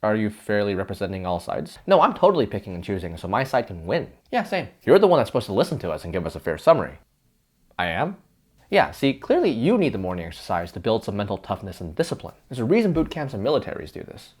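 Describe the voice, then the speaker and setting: Fast and very animated, a man with a fairly low voice hosts an explainer sketch in which he portrays multiple versions of himself. They argue back and forth in a scripted, conversational debate.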